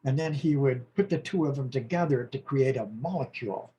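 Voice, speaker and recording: This American podcast guest, a man in his sixties, talks fairly quickly in a slightly rough, mid-range voice, and the sound is lo-fi. Chatting casually with an interviewer, he tells warm, rambling stories about school, punctuated by laughs and restarts.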